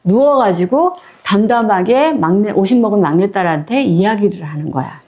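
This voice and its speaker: A woman's voice: mid-range voice, animated, moderate pace, darkish tone. A woman casually retelling a short story in a chatty, conversational way, with plenty of fillers. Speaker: book storyteller.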